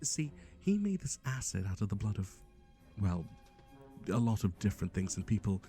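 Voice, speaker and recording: In an ASMR roleplay, a man plays a chatty, playful matchmaker who pairs people with obsessive yandere boyfriends. His lowish voice is warm and sing-song at a normal speed, and his delivery is theatrical, amused, teasing, and conversational, with faint music behind him.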